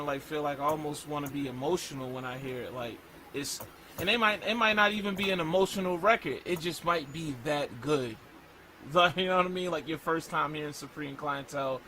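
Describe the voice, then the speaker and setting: A man who raps, talking in a casual interview in an animated, slangy way and reciting lyrics mid-sentence. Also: on the high side, brisk, a little hiss or hum, poor audio. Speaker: rapper.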